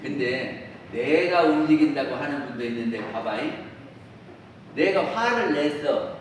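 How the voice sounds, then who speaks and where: Guy preaching a dharma talk, pretty high voice, keeps asking the room questions, sounds far off in a big boomy hall. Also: expressive, unhurried. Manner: asks the listeners questions and acts out everyday quotes. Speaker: Won Buddhist minister. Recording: very echoey hall, voice from far off, faint hiss.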